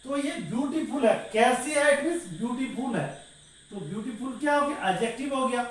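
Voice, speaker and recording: A man's voice: very high voice, moderate pace. A man teaching English grammar to a class. He asks questions and then answers them himself, and he keeps calling his listeners "dear". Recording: very echoey room, voice far from the mic, faint noise.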